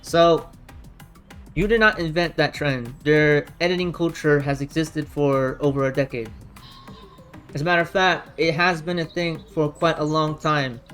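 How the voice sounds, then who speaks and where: Guy ranting off the cuff, kinda high voice, blunt and rambly, faint music behind. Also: fairly bright tone. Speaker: reaction commentator. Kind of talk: unscripted opinion commentary.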